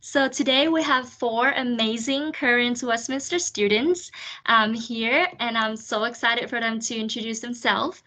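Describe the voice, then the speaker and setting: A woman's voice: fairly high pitch, unhurried, bright, forceful tone. A woman hosting an online student panel, explaining things chattily with many fillers. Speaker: panel facilitator. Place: video call.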